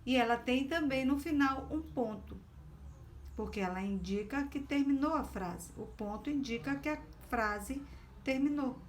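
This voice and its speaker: A woman's voice: high-pitched, a little hiss or hum. A woman from Brazil teaching a class, explaining patiently and step by step. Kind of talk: remote class lesson.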